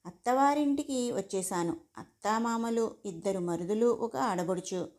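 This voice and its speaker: A woman narrating a first-person story aloud in an expressive storytelling manner. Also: medium pitch, a little slow.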